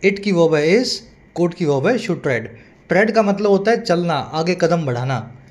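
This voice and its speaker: High-voiced man teaching English in Hindi. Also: expressive, a little mellow. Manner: reads English slowly, explains in Hindi; asks rhetorical questions to students. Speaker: English tutor. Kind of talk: newspaper reading lesson.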